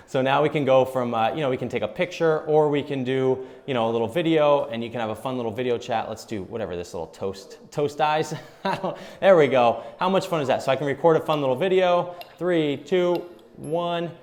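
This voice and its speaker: A man's voice: mid-range voice, a little fast, a little mellow. A man hosting as a tech reporter, giving a casual hands-on product demo in a chatty, upbeat way with frequent ums and uhs.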